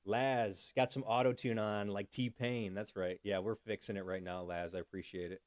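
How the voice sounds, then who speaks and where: A man's voice: on the low side, fairly even intonation, moderate pace, no room sound. A man hosting a casual livestream, chatty, thanking viewers by name and talking through fixing his audio. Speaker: livestream host.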